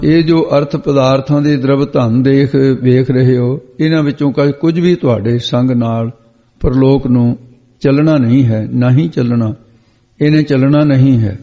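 A man's voice: mid-range voice, a little slow. Man preaching in a dull, echoing hall. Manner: glosses each word, repeats phrases, corrects pronunciation. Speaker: preacher explaining scripture. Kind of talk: line-by-line scripture exposition sermon. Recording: dull lo-fi sound with long hall reverb.

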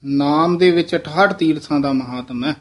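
A man teaching scripture recitation, slowly modeling each phrase and breaking in with quick corrections about pauses. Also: a little high. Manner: slow, careful modeling of phrasing, then quick explanatory asides.

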